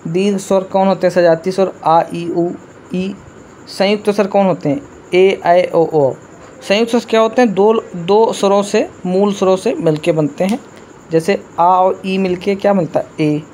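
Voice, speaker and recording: A man with a high voice runs an exam-prep lesson. He drills each point over and over, quizzing his listeners and calling them "brother" as he goes. A faint background hum sits under the recording. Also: fairly even intonation, normal speed, a little mellow. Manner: repetitive drilling with quiz questions; addresses listeners as bhai. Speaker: teacher.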